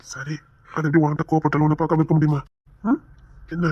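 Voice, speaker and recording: A woman's voice: low voice, flat delivery, fast, husky, dry recording. A woman voicing a young husband, a reformed brawler, coaxing and pleading with his wife in an audio drama. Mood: tender soothing. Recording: dull dry lo-fi recording.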